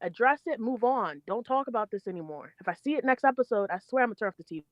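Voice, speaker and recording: A woman's voice: a little high, lively intonation, fast, no echo. A woman calling in from work by phone, rambling with lots of fillers, then getting blunt. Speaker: caller. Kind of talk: call-in opinion. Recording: dull dry phone audio.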